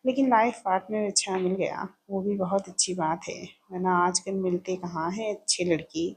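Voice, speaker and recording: A woman's voice: on the low side, fairly even intonation, slightly rough. A woman doing a blunt, hot-tempered young woman. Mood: teasing. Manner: chatty, quick-tempered, blunt.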